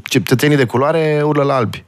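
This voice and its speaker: A young man from Brașov, Romania, chatting casually as host, joking and laughing, dropping English words. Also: mid-range voice. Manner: lively, jokey, drops English words, laughs often. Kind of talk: casual chat.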